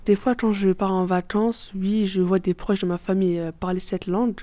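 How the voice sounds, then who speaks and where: A woman's voice: mid-range voice, steady tone, normal speed, mellow. A woman speaking thoughtfully and a little hesitantly about her parents' language. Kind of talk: personal testimony.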